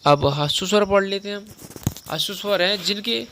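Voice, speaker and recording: A man's voice: high voice, fairly quick, bright, forceful tone, a little hiss or hum. A young man teaching a Hindi grammar lesson in a casual, conversational way, repeating each point and quizzing the listener as he goes.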